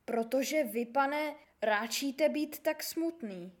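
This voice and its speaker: A woman's voice: high voice, close to an everyday voice. A woman voicing a kind, chatty middle-aged male postman in a storybook reading, polite and eager, rattling off teasing insults. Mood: polite, curious. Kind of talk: storybook character voice.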